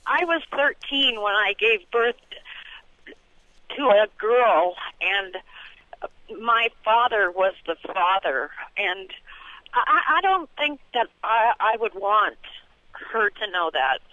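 A woman calling in to a radio show over the phone, speaking in a hesitant, halting, serious way. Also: medium pitch, lively intonation, bright, forceful tone, dry recording. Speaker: caller. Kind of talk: radio call-in. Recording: muffled phone line.

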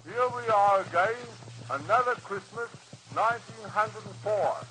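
A man's voice: sits high, measured pace, sharp tone. A man heard on a scratchy early-1900s wax cylinder recording, calling out a family holiday greeting and cheers. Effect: old scratchy wax cylinder recording from the early 1900s.

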